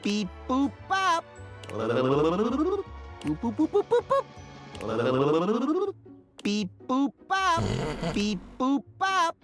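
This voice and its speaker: Beeping dishwasher robot processing. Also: female voice, huge pitch swings, very slow, long pauses, fairly bright tone, faint music behind, heavily acted. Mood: processing chant. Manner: computer processing, chanting beep-boop sounds; singsong, with big pitch leaps. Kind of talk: video game voice acting.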